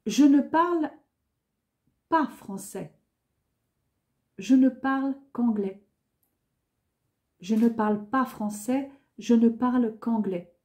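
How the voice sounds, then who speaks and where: A woman teaches a beginner French lesson at an unhurried pace, saying each phrase twice. Her high voice sounds soft and mellow, and she speaks carefully and clearly like a patient teacher.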